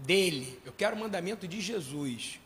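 A man preaching a sermon, questioning his congregation and swelling to shouts. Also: high voice, animated, normal speed, in a large hall. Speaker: pastor.

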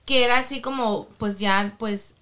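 A woman's voice: a little high, moderate pace, a crowd in the background. A woman co-hosting a chatty podcast, telling stories and slipping English phrases into her Spanish. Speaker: podcast co-host. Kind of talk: casual chat.

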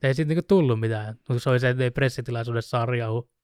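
A man casually chatting on a podcast, telling a story with animated retellings. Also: mid-range voice, clear, resonant tone, no echo, clean studio sound. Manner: animated storyteller, mimics shouting with laughs. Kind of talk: casual chat about fighting sports.

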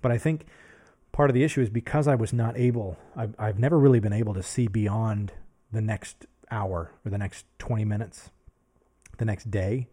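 Man, thirties, podcast host, talking to camera, rambling, self-reflective, lowish voice. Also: fairly even intonation, moderate pace, dark tone. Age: 30s. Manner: rambling, self-searching, many restarts and fillers. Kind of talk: casual reflective monologue to camera.

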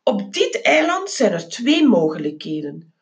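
A woman voicing a sluggish male rodent chauffeur with a drawling, unhurried way of talking. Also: mid-range voice, big pitch swings. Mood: knowing.

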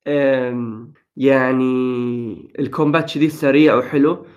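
A man's voice: mid-range voice, fairly even intonation, measured pace, a little mellow, muffled recording. A young man in casual gaming chat, upbeat and enthusiastic, slipping English phrases into his talk. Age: young adult.

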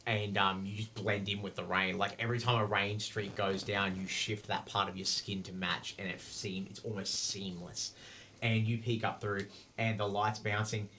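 A man's voice: lowish voice, level tone, normal speed, pushed and bright, a little hiss or hum. A man running a tabletop game as game master, narrating in a loose, rambling way full of fillers. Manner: rambling, filler-heavy, profane.

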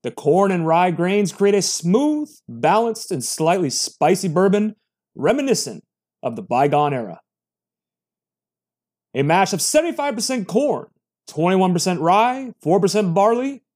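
A man putting on a booming announcer voice to read out formal product copy. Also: big pitch swings, a little slow, a little mellow, heavily acted. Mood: grandiose.

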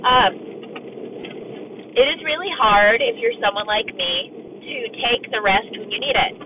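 A sick woman with a hoarse, raspy, strained voice chats casually and candidly as a podcast host in a car. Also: mid-range voice, lively intonation, normal speed. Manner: candid, colloquial, mildly sweary. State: hoarse and sick, voice nearly gone. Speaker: podcast host and fitness coach. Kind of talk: casual solo podcast chat. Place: inside a car on a dirt road. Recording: thin phone-like sound with road noise. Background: faint car and road noise.

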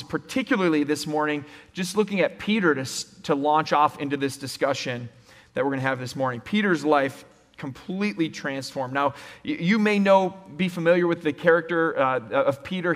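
Man preaching in a reverberant hall. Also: a little high. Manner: conversational, animated retelling with acted-out quotes. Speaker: pastor. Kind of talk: sermon. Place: church sanctuary.

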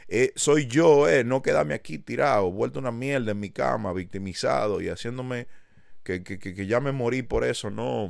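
A man's voice: fairly low pitch, gravelly, no room sound. Give me a man talking into a dry, close mic, passionate and direct. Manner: emphatic, addresses listener directly as "tú", swears casually. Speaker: podcast host. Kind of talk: motivational podcast monologue.

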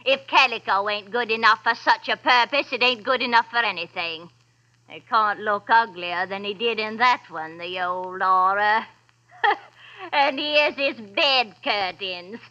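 Brash old charwoman, slow gloating drawl, bright edgy voice, dull radio sound. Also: mid-range voice. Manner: brash, mocking, cackling. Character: coarse greedy old charwoman. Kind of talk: old-time radio drama acting.

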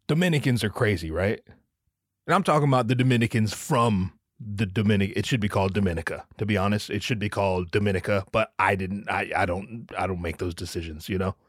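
Hosting a solo comedy podcast, a Pacific Northwest man from the US West Coast talks in a fairly low voice. He rambles, swears, and keeps interrupting himself. The studio recording is clean with no echo.

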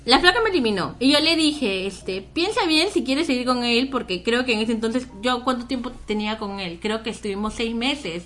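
A woman's voice: on the high side, animated, moderate pace, hardly any pauses, a bit bright. A woman, co-hosting a casual chat and telling a personal story in a candid, self-mocking way with frequent laughs.

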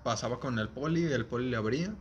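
A man's voice: medium pitch, fast talker, lo-fi sound, noisy background. A young man with a Mexican accent, a guest in a friends' chat, telling anecdotes in easy slang. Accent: Mexican Spanish. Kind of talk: casual chat among friends.

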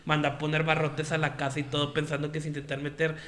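Fast-talking young Monterrey man. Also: fairly high pitch, monotone, fairly bright tone. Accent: northern Mexican, Monterrey. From Mexico. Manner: rapid joking storytelling, heavy slang. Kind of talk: casual chat.

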